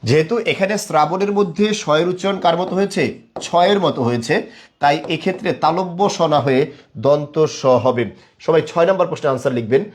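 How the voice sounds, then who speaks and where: A man's voice: a little high, quick pace. A young man teaching a live online class, quizzing viewers and praising them again and again. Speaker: online tutor.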